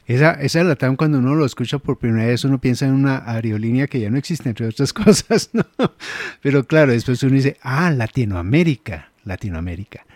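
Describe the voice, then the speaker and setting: A man's voice: mid-range voice, animated, brisk, darkish tone, no room sound, clean studio sound. A man with a Colombian Spanish accent hosting a radio interview conversationally, discursive and often addressing the listener directly.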